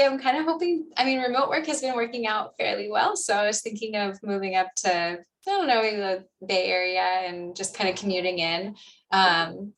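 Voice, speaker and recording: A woman's voice: mid-range voice, fairly bright tone, recorded from a distance, slight background noise. Chatty young woman hosting a video call. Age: young adult. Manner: chatty, laughing, filler-heavy. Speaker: meeting host. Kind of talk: casual video-call chat.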